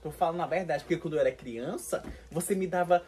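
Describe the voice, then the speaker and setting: A man's voice: on the high side, quick pace, a little mellow, natural voice. A man playing an aunt in a comedy sketch who lectures her parents indignantly.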